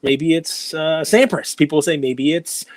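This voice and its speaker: A man, hosting a casual podcast and telling animated, self-deprecating stories. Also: on the high side, normal speed, no room sound. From United States. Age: 40s. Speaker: podcast host. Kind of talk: casual chat.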